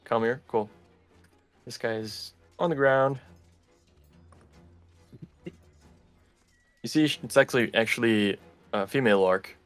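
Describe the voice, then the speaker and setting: A man running a tabletop game as game master, explaining rules casually with halting restarts. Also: medium pitch, dry recording, soft background music.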